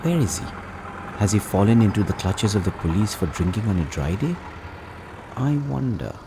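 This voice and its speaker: An actor playing a reflective night-shift hotel receptionist who narrates a radio drama. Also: male voice, lowish voice, animated, normal speed, noisy background. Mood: musing.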